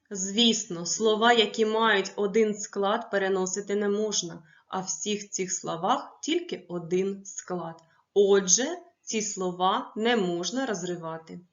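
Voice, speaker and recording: A woman teaching a primary school lesson, stressing each word slowly and clearly for young pupils. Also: mid-range voice, muffled recording. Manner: slow, clearly stressed dictation of words.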